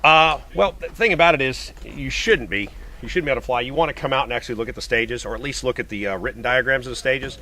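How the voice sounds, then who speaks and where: A man's voice: medium pitch, fast talker, bright, forceful tone. A man vlogging casually at an outdoor shooting range, matter-of-factly walking through his plan and counting out shot sequences. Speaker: competitive pistol shooter and vlogger. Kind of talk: casual on-location walkthrough. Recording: noisy outdoor camera audio.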